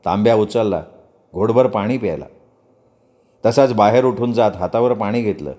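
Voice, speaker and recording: A man narrating a story in a measured, expressive reading style. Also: fairly low pitch.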